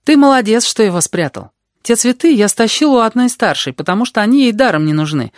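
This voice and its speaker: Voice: medium pitch, expressive, a little fast, dry recording, clean studio sound, pitched above the performer's own voice, natural voice. A reader voicing a frail, sickly boy who talks in a playful, teasing way. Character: frail sickly boy, admired pet of the nurses.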